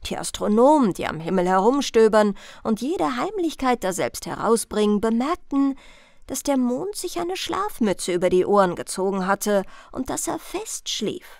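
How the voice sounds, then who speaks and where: A woman narrating a fairy tale as a bedtime audiobook for adults, in a slow, soothing storytelling manner. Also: fairly high pitch, very animated, gravelly, darkish tone, dry recording, studio quality.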